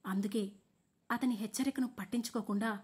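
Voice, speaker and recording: A woman narrating a drama story in a steady, measured reading style. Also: mid-range voice, breathy edge.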